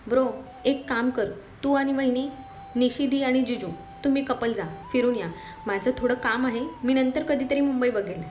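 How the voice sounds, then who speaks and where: A woman's voice: high-pitched, steady tone, moderate pace, darkish tone, soft background music, lightly acted. A woman voicing a sassy younger sister. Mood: cheeky. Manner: cheeky, sassy. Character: cheeky young woman, quick-tongued sister.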